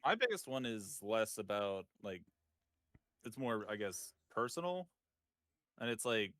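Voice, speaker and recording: A man in his thirties talks in a relaxed, candid way during a casual chat. His voice is low but bright and forceful. The sound is dry and close. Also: measured pace, dry recording. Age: 30s. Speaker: streamer guest.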